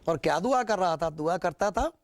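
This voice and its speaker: A man's voice: high-pitched, lively intonation. A man preaching a sermon, retelling scripture with repetition and rhetorical questions.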